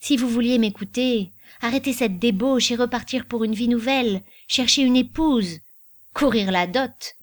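A blunt, motherly old servant woman, as a woman reader voices her in a storybook reading, pleading and scolding by turns. Her voice climbs when she scolds. The pitch sits in an ordinary middle range. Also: a little fast, hardly any pauses, darkish tone, no echo, clean studio sound, natural voice. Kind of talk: audiobook reading.

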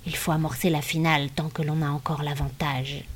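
Brief: a whispery, whining old man near death, read by a woman with a lowish voice. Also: flat delivery, fairly quick, a little hiss or hum, close to an everyday voice. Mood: hushed.

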